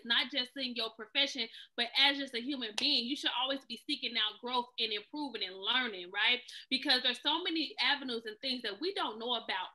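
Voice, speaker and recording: A woman's voice: high voice, pushed and bright, poor audio. A married woman co-hosting a relationship talk show, talking in an emphatic, preachy way. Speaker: podcast co-host. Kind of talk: casual chat.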